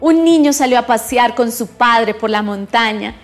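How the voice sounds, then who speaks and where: A woman narrating a moral fable in a deliberate storytelling manner. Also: a little high, music in the background.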